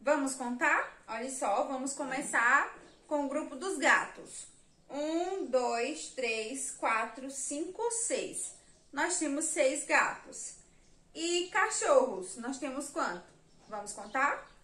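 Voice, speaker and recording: A woman's voice: high-pitched, animated, slow pace, sharp tone, echoey room. A Brazilian woman teaching a remote lesson to young children, patiently counting aloud and spelling out words. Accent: Brazilian Portuguese. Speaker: primary school teacher.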